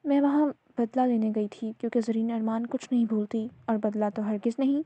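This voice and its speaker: A woman's voice: on the high side, steady tone, no room sound, highs cut off, close to an everyday voice. A woman voicing a tearful, stubborn young pregnant wife who pleads and insists. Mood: anxious.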